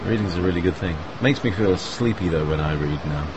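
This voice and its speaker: A fast-talking man with a low voice leads an online group chat, rambling casually with plenty of fillers and small laughs. Background noise can be clearly heard on the voice call.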